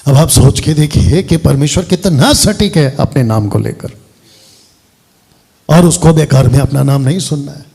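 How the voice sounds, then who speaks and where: A man's voice: a little high, moderate pace, creaky, dark tone, husky. A man preaching a sermon as pastor, directive, often breaking off to give instructions. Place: church hall.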